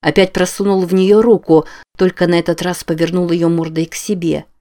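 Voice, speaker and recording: A man reading a novel aloud as an audiobook narrator, with measured scripted narration. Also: high voice, level tone, darkish tone.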